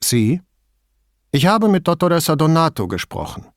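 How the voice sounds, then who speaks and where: A curt, hurried middle-aged woman who gives short answers, played by a male audiobook reader. The voice is pitched clearly higher and moves lively. Close, dry recording. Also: no room sound. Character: wary middle-aged widow on the phone, curt. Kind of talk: audiobook dialogue.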